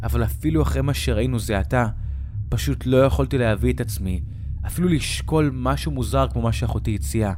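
A man narrating a horror story, dramatic and slowing down at the frightening moments. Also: mid-range voice, darkish tone, slight background noise. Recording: narration over music.

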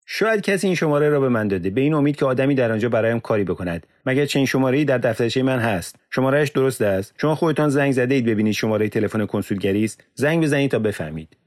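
A man voicing an embittered male prisoner in an audiobook, agitated and complaining, shouting in bursts. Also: sits low, hardly any pauses, breathy edge, dry recording, clean studio sound, exaggerated voice. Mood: defiant. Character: bitter, defiant male prisoner under interrogation. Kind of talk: audiobook character reading.

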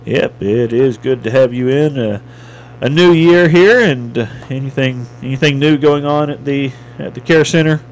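A man's voice: mid-range voice, normal speed, soft background music, low-quality recording. A man anchoring a local radio newscast, reading sports scores and weather from a script in a studio.

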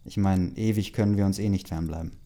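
A man's voice: low-pitched, steady tone, a little fast, dark tone, natural voice. A man reading the lines of a pushy young male werewolf who pleads earnestly for another chance. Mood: pleading.

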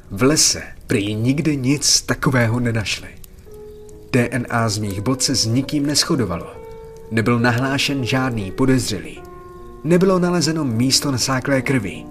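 Male narrator, mid pitch, somber horror reading over quiet background music. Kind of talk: scripted horror story narration. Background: faint music.

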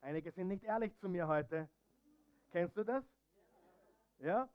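Lively higher-voiced male preacher. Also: measured pace, muffled recording. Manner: animated, addresses the audience directly; swings between soft asides and loud stresses. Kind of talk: sermon with Bible reading.

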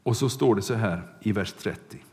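Low-voiced preacher in a reverberant hall. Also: male voice. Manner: storytelling, shifting between loud bursts and hushed asides. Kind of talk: sermon retelling a Bible story.

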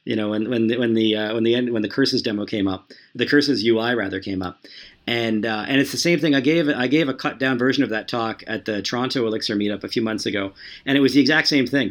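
Halting, chatty man full of restarts. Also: mid-range voice. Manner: halting, many restarts and fillers. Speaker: podcast guest, software developer. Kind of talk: casual conversation.

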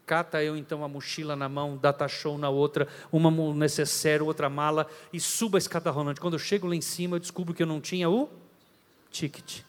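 A man preaching a storytelling sermon with a dramatic delivery, sometimes shouting. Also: a little high, steady tone, brisk, in a large hall.

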